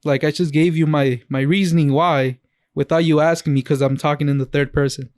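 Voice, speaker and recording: In a casual podcast conversation, a male co-host rambles playfully and cuts across the others, recorded close to the mic with no echo. He speaks a little fast in a fairly high, darkish voice with fairly even intonation.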